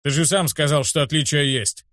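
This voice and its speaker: A gruff, irritable grown man who brushes off every doubt, as a male narrator puts him on. His talk is brusque and impatient. The read sounds close and dry. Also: fairly high pitch, moderate pace, a bit bright, no echo, lightly acted.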